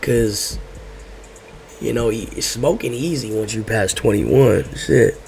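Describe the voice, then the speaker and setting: A man's voice: fairly low pitch, takes it slowly, gravelly, darkish tone, a little hiss or hum. Young man, American accent, laid-back stoner talk, casual storytelling, heavy slang and swearing, repetitive, drifting. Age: young adult. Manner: rambling, repeats phrases, drifts off track. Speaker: host telling personal stories.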